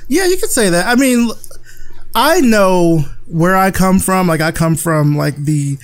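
A man's voice: high voice, animated, unhurried. A man from rural Alabama, a podcast guest speaking candidly in casual conversation, often restarting his sentences. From rural Alabama, USA. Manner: candid, thoughtful, frequent restarts.

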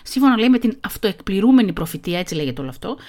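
A middle-aged woman who talks very fast, chatting casually and reading an article aloud, self-mocking and quick to laugh. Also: medium pitch, sing-song, a little mellow. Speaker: podcast host.

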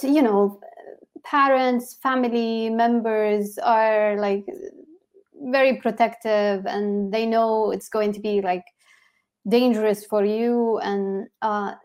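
A woman from Yemen, a blogger and journalist, telling her story in an animated interview with many restarts. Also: medium pitch. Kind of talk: conversational interview.

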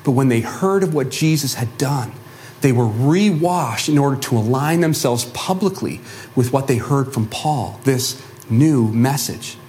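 A man preaching a sermon as a pastor, telling a Bible story in an animated way and acting out the voices of the people in it. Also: medium pitch, unhurried, slight background noise. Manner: animated, acts out quoted voices.

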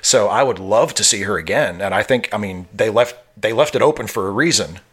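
A man's voice: on the low side, brisk, fairly bright tone, breathy edge. A man co-hosting a podcast, speaking in a hesitant, thoughtful way with many restarts. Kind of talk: casual chat.

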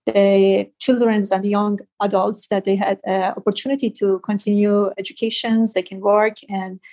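A woman's voice: medium pitch, flat delivery, moderate pace, warm tone. Afghan woman speaking hesitant English. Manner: hesitant, many fillers, non-native grammar. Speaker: guest, tech founder. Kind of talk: interview answers.

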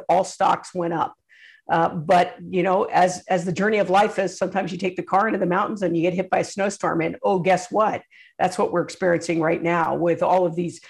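A woman executive giving conversational interview answers as a guest, somewhat halting as she works through her points. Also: lowish voice, creaky, a little mellow.

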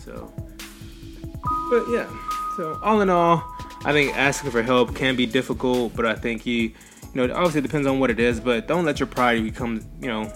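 A man's voice: medium pitch, animated, moderate pace, over music. A young man co-hosting a casual podcast, rambling through personal examples with lots of filler words. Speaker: podcast co-host. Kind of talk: casual conversation.

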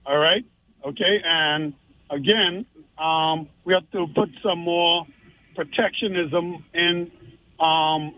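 Calling into a radio show from the Turks and Caicos Islands, a man with a slightly high voice, heard in lo-fi sound, argues his opinion earnestly. He repeats himself frequently and throws in tag questions such as "all right?".

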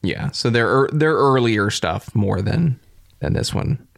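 A man co-hosting a podcast who talks with enthusiasm, often pausing to search for his words. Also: mid-range voice, animated, vocal fry, no echo, clean studio sound. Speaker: podcast co-host. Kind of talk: casual chat.

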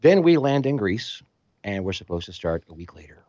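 Man, low voice, animated storyteller, casual chat, dry close sound. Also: normal speed, dry recording, highs cut off. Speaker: storytelling guest musician.

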